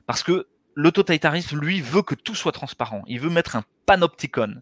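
A middle-aged anesthesiologist and author, appearing as an interview-show guest, explains ideas earnestly over a headset mic on a video call from a small room, gesturing with his hands. His voice is a little high with lively intonation at a moderate pace, in an explanatory, conversational style.

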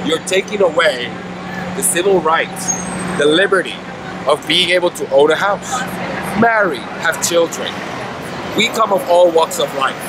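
In a street interview outside, a man in his thirties speaks expressively and a little slowly, earnestly insisting on his cause. His voice is set somewhat high for a man, and clear traffic and city sounds carry under every word.

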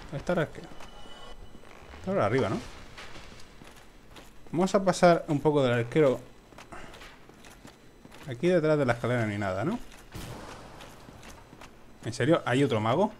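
A young man from giving excitable let's play commentary to his viewers, swearing often. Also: mid-range voice, moderate pace, pauses often, a little hiss or hum. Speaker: gaming video host.

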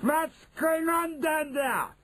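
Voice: mid-range voice, very animated, creaky, a little mellow, breathy edge, exaggerated voice. Imperious, screeching witch leader. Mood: scornful. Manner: screeching, drawn-out commanding delivery. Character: imperious, venomous witch leader, female, commanding and hateful.

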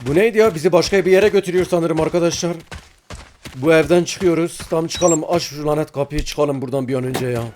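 A man giving excitable let's-play commentary, talking straight to his viewers as he plays, with sudden startled reactions. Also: a little high, fairly quick, slight background noise. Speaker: gaming YouTuber.

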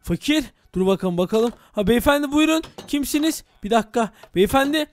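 A man's voice: very high voice, expressive, brisk. A man hosting a game role-play video, talking dramatically to viewers and exclaiming as a village head.

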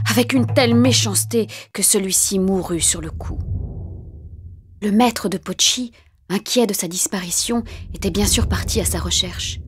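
A woman narrating a fairy tale in a calm, measured voice that sometimes drops to a hushed whisper. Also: mid-range voice. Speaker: storyteller. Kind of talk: storybook narration. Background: faint music.

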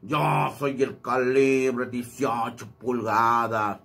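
Man doing a slow, pompous, formal show-off, comic bit. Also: medium pitch, steady tone, fairly bright tone, slightly rough. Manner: slow, formal, self-important. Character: pompous mustachioed male show-off.

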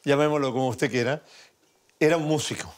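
A man's voice: medium pitch, a little fast. A man hosting a radio interview, chatty and often chiming in with short prompts.

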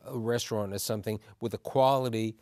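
A man's voice: on the low side, steady tone, quick pace, a little mellow, no room sound. A man in his sixties hosting a televised studio panel who presses his guests with questions and often repeats his opening words. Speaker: talk show host. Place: dark TV studio set. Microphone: lapel.

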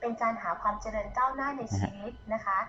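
A woman's voice: on the high side, steady tone, quick pace, crowd noise. A woman giving a religious dharma talk and quoting a monk, played back from an old cassette tape. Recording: dull lo-fi tape with hiss and clicks.

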